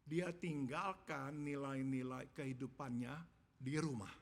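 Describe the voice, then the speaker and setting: A male pastor delivering a sermon in measured, emphatic phrases, repeating each point in English after saying it. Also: mid-range voice, fairly even intonation, gravelly. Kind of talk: bilingual sermon with self-interpretation. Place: church. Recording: long church reverb.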